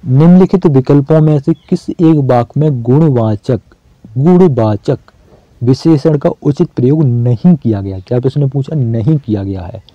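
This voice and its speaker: A man's voice: medium pitch, moderate pace, no echo, lo-fi sound. A man teaching an exam-prep lesson in a casual, chatty way, asking questions and answering them himself.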